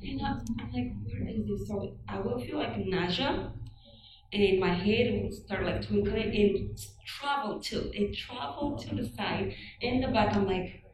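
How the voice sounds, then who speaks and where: A woman's voice: medium pitch, measured pace, crowd noise. Ethiopian-born mother asking from the floor. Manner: rambling, with many filler words. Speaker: audience member asking questions. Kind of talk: question from the floor. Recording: roomy hall, distant from the mic, with background noise.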